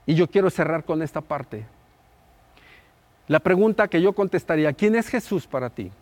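Preacher guy, middle-aged, slightly high voice, talks to the crowd like a chat, gets emphatic on his lists. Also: expressive, normal speed, a little mellow. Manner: emphatic, rising in repeated lists; conversational, asks listeners "¿no?". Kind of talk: sermon.

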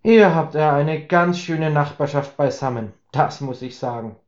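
A man voicing a drunk, imposing older father-in-law who talks slowly and sounds bewildered, in a spoken story. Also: a little high, lightly acted. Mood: booming. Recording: roomy, slightly dull recording.

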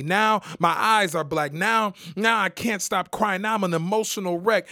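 A male preacher delivers a sermon in a fairly high voice. He leans hard on repeated phrases and swings between quiet, intimate stretches and loud, driving ones. The sound is dry and close. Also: no echo. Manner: emphatic and repetitive, swinging from hushed to loud.

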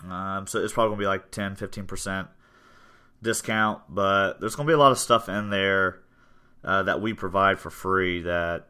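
A gym owner in his 20s hosts a podcast and chats casually about his gym. His voice is deep and clean, and he stays relaxed, rambling with lots of fillers.

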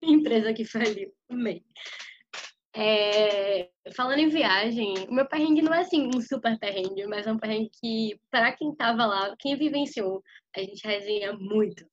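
A young woman on a podcast telling a story in a casual, slangy, animated way. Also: a little high, moderate pace, lo-fi sound. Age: young adult. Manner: animated and slangy, vivid retelling. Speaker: podcast co-host.

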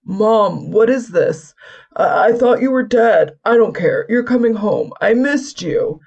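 A woman's voice: mid-range voice, steady tone, extremely slow, vocal fry, fairly bright tone, dull audio, voice pushed up, exaggerated voice. Woman doing a desperate teenage boy. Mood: pleading. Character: teenage boy desperate for his dead mother.

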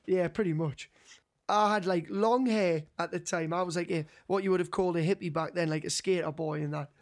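A young man with a Geordie accent tells friends a casual anecdote, slangy and sweary, animatedly acting out what people said. His voice is high and brisk.

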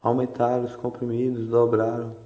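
A man from Ceará, Brazil, reciting a spoken-word poem in a slow, even, repetitive way. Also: medium pitch, highs cut off. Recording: echoey room with faint music.

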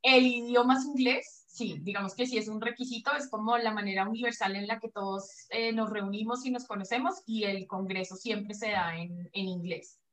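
This guest is a pelvic floor physiotherapist from Colombia who grew up speaking Spanish, interviewed online over a video call. Her medium-pitched, fairly bright voice stays steady at normal speed with few pauses, yet she explains hesitantly with many fillers and restarts, and the recording is rough.

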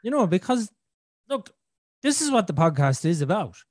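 A man's voice: high-pitched, sing-song, moderate pace, a little mellow, no echo, studio quality. A man hosting a podcast in casual, candid conversation, with a blunt, sweary, joking manner. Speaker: podcast host.

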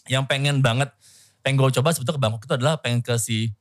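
A man's voice: mid-range voice, racing, no echo, clean studio sound. A man in casual chat, telling a travel story with lots of fillers and asides. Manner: chatty, animated storytelling with many fillers.

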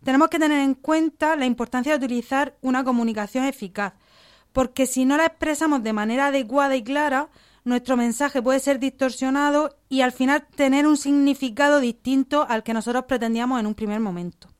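Calm, clear-voiced psychologist woman. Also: high voice, a little fast. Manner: calm, methodical, explaining in structured lists. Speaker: psychologist guest. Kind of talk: explanatory radio interview answers.

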